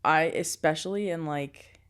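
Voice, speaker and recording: A woman's voice: deep voice, a little slow, fairly bright tone, clean tone. A young adult woman co-hosting a podcast in casual chat, who laughs often and bursts into quoted voices. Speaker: podcast co-host.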